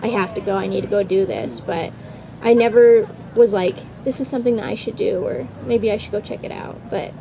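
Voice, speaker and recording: A woman in her twenties, a student on a panel, chats informally and a bit hesitantly outdoors at a campground. Her mid-range voice moves a little fast, the highs are cut off, and background noise is clearly audible in this casual unscripted panel talk.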